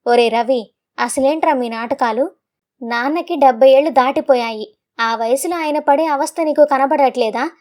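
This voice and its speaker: A woman's voice: sits high, warm tone, close to an everyday voice. Woman doing a hurt elder son. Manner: pleading, voice trembling. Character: hurt, devoted elder son, grown man.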